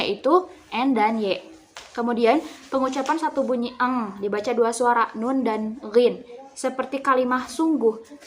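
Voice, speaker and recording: Young woman student presenter, fairly high voice, halting explanatory delivery, faint noise behind. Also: fairly bright tone. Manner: explanatory, with fillers and self-corrections. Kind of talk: class presentation.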